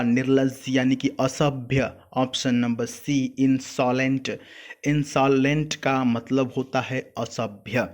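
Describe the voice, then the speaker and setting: A young man walks students through vocabulary in a patient, explanatory way. His voice sits at an ordinary middle pitch, and he repeats each meaning so that it sticks. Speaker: exam prep teacher.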